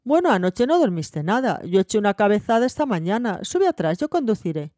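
Steady young man, easygoing, reassuring, warm tone, read by a woman. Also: high-pitched, a little fast, no room sound, studio quality, voice pushed up.

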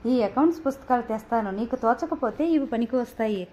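Breezy young woman student, teasing and flippant, read by a woman narrator, light high voice, muffled lo-fi sound. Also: animated, brisk, warm tone, slight background noise, lightly acted.

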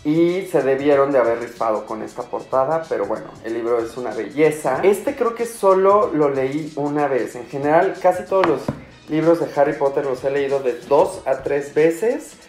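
A man's voice: fairly high pitch, expressive, normal speed, a little mellow. A young man with a Mexican accent chatting eagerly and nostalgically to camera as a book vlogger. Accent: Mexican Spanish. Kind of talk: casual unboxing chat to camera. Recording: roomy echo with faint music.

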